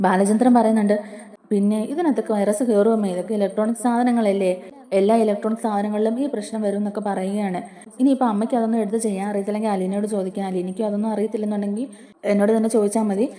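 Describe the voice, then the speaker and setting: Woman, serial recapper; rapid, level, mellow-toned storytelling. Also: medium pitch. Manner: chatty retelling with frequent tag "kettō". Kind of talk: casual spoken recap of a TV serial episode.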